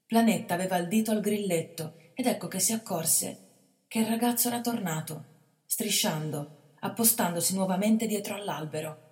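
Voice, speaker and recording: A woman, an actress, reading a literary short story aloud in a measured, expressive narration. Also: mid-range voice. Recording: reverberant hall.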